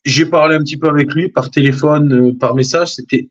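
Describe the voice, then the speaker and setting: A man's voice: on the high side, steady tone, brisk. A man speaking as a guest over a video call, his voice dull and lo-fi. He talks in a hesitant way, full of fillers and restarts. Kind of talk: casual chat.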